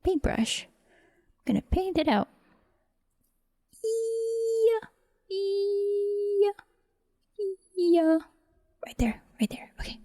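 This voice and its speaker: Her pitch is extremely high, and she stretches out words expressively, leaving long pauses, all in a warm tone. The voice actor is thinking aloud in a casual screen-recorded audio editing walkthrough, murmuring short fragments to herself.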